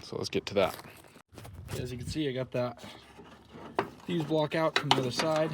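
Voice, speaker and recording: Offhand man talking through loud wind noise. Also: mid-range voice, animated, moderate pace. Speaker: DIY car restoration vlogger. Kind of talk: casual narration while working. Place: working on a car, windy outdoors. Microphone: phone. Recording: windy, noisy phone recording. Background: loud wind noise, clicks.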